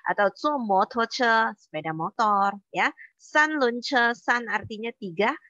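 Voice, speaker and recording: Bright-voiced woman teaching Mandarin online. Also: a little high, animated, measured pace, dry recording, highs cut off. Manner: patient, explains step by step with many fillers. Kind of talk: online language lesson.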